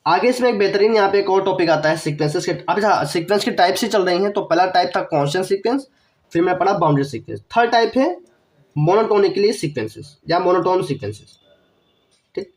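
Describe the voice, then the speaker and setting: A man's voice: high voice, animated, fast talker. A young man teaching math in an online lecture, a little unwell with a cough, explaining step by step, repeating key phrases and asking the viewer questions. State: has a cough, feeling unwell.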